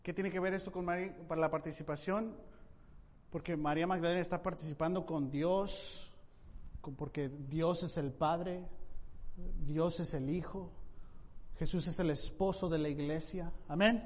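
A man preaching a sermon in an emphatic way, with sudden loud rising questions. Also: on the high side, steady tone, measured pace, in a large hall. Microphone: microphone.

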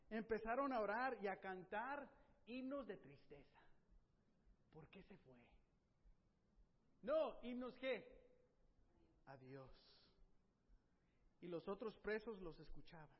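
A man preaching a sermon that retells a Bible story, animated and asking the congregation rhetorical questions. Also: high voice, big-room sound, highs cut off.

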